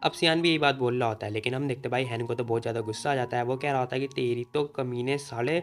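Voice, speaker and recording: Quick, chatty young man narrating a recap. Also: medium pitch, steady tone, a little hiss or hum. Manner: chatty, fast, many fillers. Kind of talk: casual story recap narration. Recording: faint background music.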